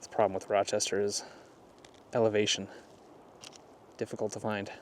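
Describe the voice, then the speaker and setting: A man's voice: fairly low pitch, little pitch movement, moderate pace. A man doing a casual walk-and-talk photography vlog out in the cold by a frozen lake, thinking aloud in easygoing muttered asides. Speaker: photography vlogger. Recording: noisy outdoor wind and ambience. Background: clear outdoor ambient noise.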